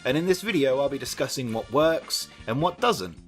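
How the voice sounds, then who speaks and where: A man's voice: medium pitch, lively intonation, normal speed, faint music behind. A young man narrating a scripted video essay with sardonic asides and the odd swear word.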